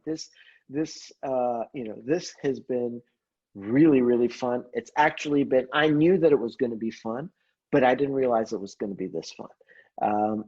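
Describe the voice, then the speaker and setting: A man's voice: mid-range voice, darkish tone, breathy edge, highs cut off. A man guest on a casual podcast, telling a story eagerly, often restarting his sentences. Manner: enthusiastic storyteller, many restarts. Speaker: cardiologist guest.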